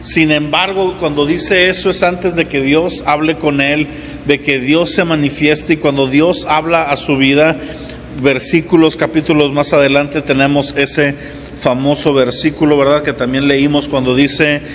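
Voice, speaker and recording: A fairly high-voiced man in his forties preaching to his congregation in an easygoing, conversational style, tossing in little check-ins with the room. His voice rings out with a long reverb tail, and a faint hiss sits underneath. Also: level tone, unhurried, fairly bright tone. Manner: conversational preaching with frequent "¿verdad?" asides. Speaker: pastor. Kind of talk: sermon. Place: church hall.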